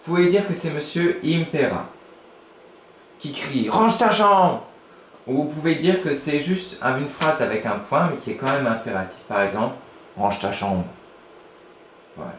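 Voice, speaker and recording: A man giving a lively lesson to young children, using playful voices. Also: medium pitch, moderate pace, pauses often. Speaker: teacher. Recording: echoey room with faint noise.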